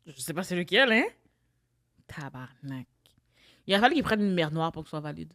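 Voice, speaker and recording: A Québécois woman co-hosting a relaxed podcast conversation, talking at a rapid clip. Her delivery is emphatic and lively, as if she is telling a story to a friend. The sound is dry and close. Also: sits low, no echo. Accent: Québécois French. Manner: emphatic, animated storytelling with bursts of loud laughter. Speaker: podcast co-host. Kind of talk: casual chat.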